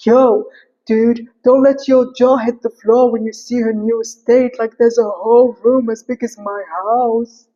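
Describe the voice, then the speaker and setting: A woman's voice: on the high side, fairly even intonation, a little slow, warm tone, big-room sound. A woman voicing a pompous, fawning male clergyman who talks in boastful slang. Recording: muffled lo-fi recording.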